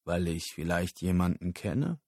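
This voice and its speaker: Man doing a deep-voiced, guarded dealer. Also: lively intonation, a little mellow, breathy edge, no echo, studio quality, full character voice. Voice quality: deep bass voice. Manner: slow, guarded, rumbling. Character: tall, gaunt male drug dealer.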